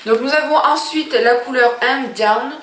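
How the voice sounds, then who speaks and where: A woman's voice: sits high, measured pace, fairly bright tone, roomy sound, far from the mic. A woman beauty vlogger reviewing makeup in a chatty, gushing way, with many hesitations.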